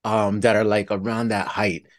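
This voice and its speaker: A man's voice: fairly low pitch, moderate pace. Affirming male interview host. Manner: relaxed, affirming, asks follow-up questions. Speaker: podcast host. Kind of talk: interview hosting.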